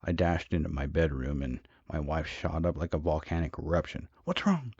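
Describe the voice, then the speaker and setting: Brief: very low, gravelly male narrator for horror tales, dry and slightly lo-fi. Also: steady tone, darkish tone, no room sound. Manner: measured, dramatic. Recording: dull, dry, lo-fi.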